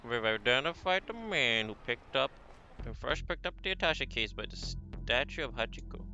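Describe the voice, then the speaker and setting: Guy doing a police boss on the radio, slow and even, bright sharp tone. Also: medium pitch, highs cut off, faint music behind. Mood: official. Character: calm police commander on radio.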